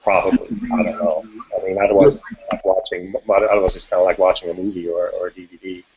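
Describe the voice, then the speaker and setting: A man from Switzerland talks casually as an interview guest, rambling and restarting his thoughts. His voice sits low. The recording is dull and lo-fi. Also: fast, a little hiss or hum. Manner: relaxed, rambling, frequent restarts and fillers. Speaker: guest music producer. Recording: dull lo-fi audio.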